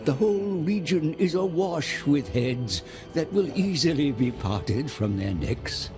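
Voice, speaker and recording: A man voices a sly, servile seer guiding demonic warlords in dramatic dark fantasy game narration, his pitch fairly high and his tone creaky and gravelly. Theatrical, deliberate and flattering, he ominously urges slaughter over dramatic music.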